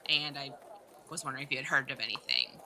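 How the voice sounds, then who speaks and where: A woman's voice: a bass voice, fast talker, noisy background. A woman playing her character in a tabletop game, apologetic and rambling, often breaking into giggles. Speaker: player. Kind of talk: in-character tabletop role-play.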